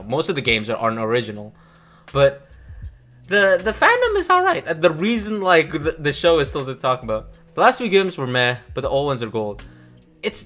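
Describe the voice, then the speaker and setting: A man's voice: mid-range voice, pushed and bright. A man hosting a casual video, rambling and swearing with lots of fillers and restarts. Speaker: anime channel host. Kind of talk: casual ranking commentary.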